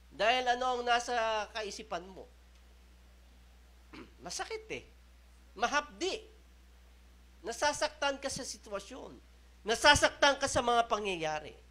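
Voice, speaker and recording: With a very high, sharp voice, a pastor with a Filipino accent delivers a sermon blending Tagalog and English, frequently checking in with "okay?". His preaching is slow and emphatic, with rising and falling intensity.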